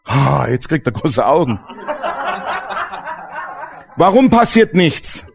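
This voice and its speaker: A man's voice: on the high side, sing-song, slow pace, vocal fry. A man preaching a sermon as pastor, emphatic and asking the congregation questions.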